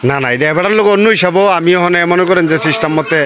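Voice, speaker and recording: A man, talking prices as a cattle buyer, brisk and matter-of-fact. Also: high-pitched. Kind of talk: casual bargaining chat. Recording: outdoor chatter and clucking chickens.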